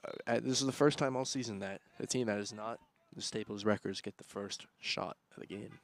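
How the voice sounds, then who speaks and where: A young man doing play-by-play commentary on a school soccer match, jumping up loudly when attacks build. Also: on the low side, fairly quick, vocal fry, dry recording. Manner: excitable, rising loudly on attacks. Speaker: student sports commentator.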